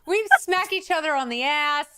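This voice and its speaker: A woman co-hosting a casual livestream chat, playful and quick with asides. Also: high-pitched, sharp tone. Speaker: co-host.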